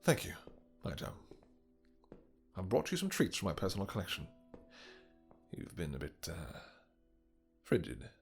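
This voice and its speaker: A man acts out a regal, brooding vampire king in an intimate fantasy audio drama. His deep voice has a heavy gravelly creak and slips into breathy murmurs. He is possessive and lovesick, commanding in old-fashioned, formal words. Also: huge pitch swings, roomy sound, in a large hall, soft background music, full character voice. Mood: coaxing, restrained. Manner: formal, archaic, halting endearments, commanding.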